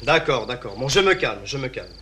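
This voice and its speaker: An anxious, officious lieutenant; bright, slightly raised voice. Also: male voice, mid-range voice, animated, a little fast, slight background noise. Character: nervous male colonial lieutenant, easily flustered. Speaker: army lieutenant. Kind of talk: film drama acting.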